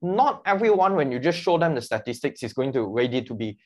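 Earnest man with a lively voice. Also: medium pitch, brisk. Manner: earnest, explains with analogies. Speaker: mission mobilizer, guest. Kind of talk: conversational interview.

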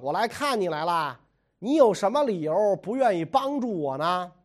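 A man's voice: high-pitched, big pitch swings, moderate pace. A man voicing a patient emperor who coaxes and pleads earnestly. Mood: coaxing.

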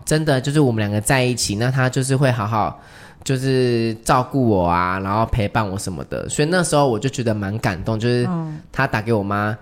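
A man chatting as a guest, telling family stories in a lively way and acting out what his relatives said. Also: mid-range voice, brisk. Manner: lively, acts out family members' lines. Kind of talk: casual storytelling chat.

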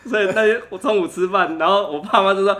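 A man's voice: high voice, fast, crowd noise. A young man with a Taiwanese Mandarin accent, a podcast guest telling funny stories in casual chat and laughing often.

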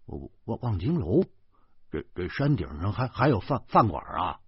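A man voicing a teasing, jovial stout middle-aged man who mocks loudly and stammers at times, on a slightly dull lo-fi recording. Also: mid-range voice, very animated, a little slow, creaky, slight background noise, voice pushed up. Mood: exasperated. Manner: mocking, boisterous, stammers at times.

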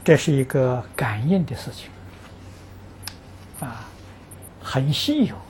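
A man, a Buddhist teacher answering practitioners' questions, giving an unhurried dharma talk. He speaks earnestly and fills his pauses with drawn-out "ah" sounds. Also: mid-range voice, lively intonation, a little mellow, slight background noise. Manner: peppers speech with drawn-out "ah" fillers; earnest, stresses that the account is true.

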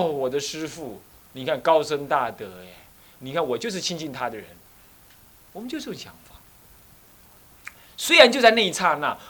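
A middle-aged man from Taiwan, an abbot giving a Buddhist dharma talk, telling stories vividly, acting out scoldings and asking his listeners questions. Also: a little high. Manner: animated storytelling, acts out scolding voices, asks the listeners questions.

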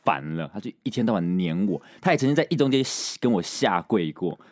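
Co-host, low-pitched man, rapid casual storyteller, dry close sound. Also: big pitch swings, no room sound. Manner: fast storytelling with mock quoted voices. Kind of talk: casual chat.

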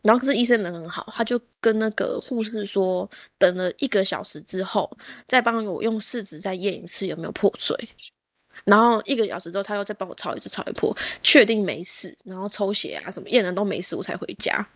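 Fast-talking woman, chatty podcast story, laughs a lot. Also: mid-range voice, no echo, clean studio sound. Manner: animated, laughs often, acts out quoted speech. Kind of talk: casual storytelling chat.

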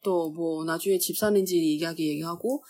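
A woman's voice: lowish voice, moderate pace, dark tone. A young woman co-hosting a podcast in casual chat, talkative, laughing now and then and musing aloud. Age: young adult. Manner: chatty, laughs often, muses aloud. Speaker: podcast co-host.

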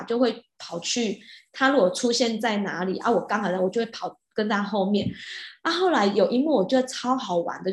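A woman telling a personal story in a casual way. She is animated and often restarts her sentences, with soft fillers. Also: a little high. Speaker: hypnotist. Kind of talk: casual storytelling of a past-life regression. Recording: roomy echo.

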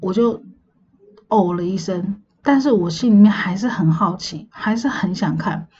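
A woman, casually telling a dream story on her podcast in a chatty, meandering way, often pausing to recall details. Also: mid-range voice, mellow, dull audio, a little hiss or hum. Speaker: podcast host.

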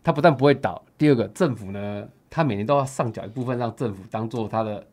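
A man with a Taiwanese accent talks at a brisk clip in a medium-pitched voice. He is an interview guest explaining things in a conversational way, punctuating his points with rhetorical questions and emphatic particles. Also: a little mellow. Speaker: guest investment commentator.

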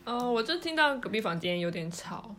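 A woman with a Taiwanese accent and a bright, fairly high voice. She banters casually as a podcast guest. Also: big pitch swings, moderate pace. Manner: playful, bantering. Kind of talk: casual chat.

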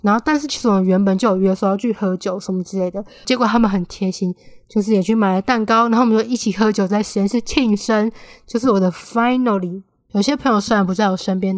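Young Taiwanese woman podcaster, casual storyteller, mid-pitched, dead-dry close mic. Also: no room sound. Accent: Taiwanese Mandarin. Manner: chatty, animated when quoting friends. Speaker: podcast host.

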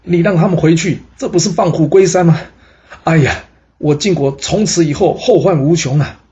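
A man voicing a hot-tempered male general who scolds loudly and indignantly. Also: medium pitch, brisk, dull audio, close to an everyday voice. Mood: furious.

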